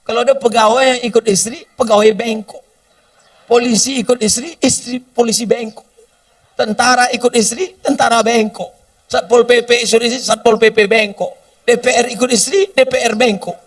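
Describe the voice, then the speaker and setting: A man's voice: extremely high pitch, steady tone, normal speed, far from the mic. A man preaching a humorous sermon, often acting out short dialogues between people. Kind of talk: sermon with question and answer.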